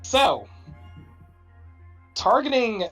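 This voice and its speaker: A woman's voice: fairly high pitch, sing-song, drawn-out words, a bit bright, soft background music. A woman talking casually through her moves as a player in a tabletop game.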